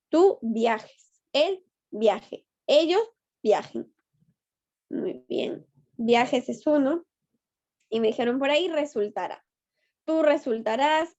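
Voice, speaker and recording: A woman teacher, taking her class step by step and patiently coaxing answers out of her students. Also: a little high. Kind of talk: online class lesson. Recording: dull lo-fi online class audio.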